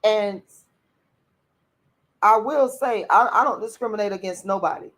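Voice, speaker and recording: A woman hosting a livestream answers viewer comments in a raspy, medium-pitched voice that's a bit bright and unhurried. She's outspoken, blunt and profane, and repeats herself often.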